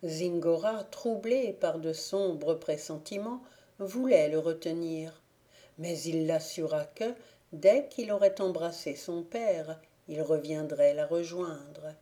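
A woman reading a fairy tale aloud for an audiobook, telling it slowly and evenly. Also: low voice. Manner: slow, even storytelling. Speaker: audiobook reader.

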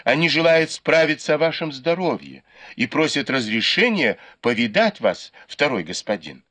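A man's voice: fairly high pitch, sing-song, normal speed, fairly bright tone, voice pushed up. A man reading the part of a dutiful female servant formally announcing visitors in a storybook.

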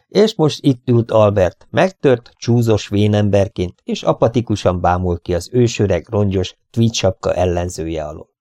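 A man reading an audiobook in an expressive, measured storytelling manner. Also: fairly low pitch, dry recording, clean studio sound. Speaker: audiobook narrator. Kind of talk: scripted audiobook narration.

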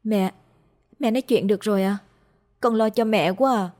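A woman's voice: moderate pace, a little mellow, natural voice. A woman doing a frantic, tearful young daughter. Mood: anxious. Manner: high, urgent, pleading. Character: devoted young adult daughter, anxious and tearful. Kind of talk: storybook narration.

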